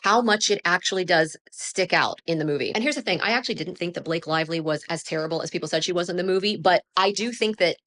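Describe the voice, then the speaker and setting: A woman's voice: fairly low pitch, fast, few pauses, fairly bright tone. A young adult woman giving a chatty, candid film critique, full of "like" fillers. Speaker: film reviewer. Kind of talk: casual spoken film critique.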